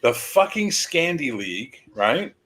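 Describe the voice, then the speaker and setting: A man with a mid-range, slightly bright voice hosts a livestream, talking in a sing-song, somewhat slow way. His casual chat rambles along, full of jokes and plenty of swearing.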